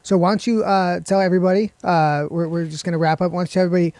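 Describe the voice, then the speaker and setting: A man's voice: high-pitched, level tone, racing, a little mellow, no echo. A man hosting a casual interview podcast, friendly and filling his talk with frequent "uh"s. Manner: friendly, filler-heavy with frequent "uh". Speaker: podcast host.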